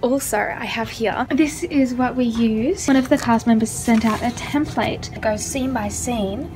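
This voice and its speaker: A woman's voice: a little high, measured pace, darkish tone, soft background music. A young woman, chatting casually as she explains things like a tour guide. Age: young adult. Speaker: vlogger and community theatre cast member. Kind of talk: casual vlog chat. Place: backstage of a small theatre, indoors.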